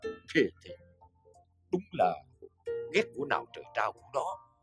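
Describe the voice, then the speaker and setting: A man's voice: medium pitch, wildly swooping pitch, unhurried, soft background music. An actor playing an exasperated middle-aged male company boss, grumbling and incredulous, with a Southern Vietnamese accent. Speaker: company owner.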